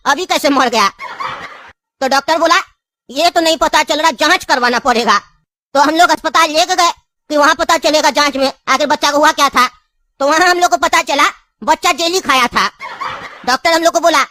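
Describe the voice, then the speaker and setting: A woman's voice: high-pitched, bright, forceful tone, no echo. A woman voicing a talkative, scheming old grandfather in a cartoon, telling long rambling stories. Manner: long rambling storytelling, insistent.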